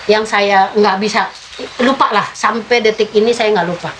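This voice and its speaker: A woman in her fifties tells a childhood story in a relaxed interview, her voice sitting at an ordinary middle pitch. She speaks in a halting way and fills her pauses with drawn-out filler sounds. A faint background noise stays under her voice. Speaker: guest giving testimony. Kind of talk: personal testimony told in conversation.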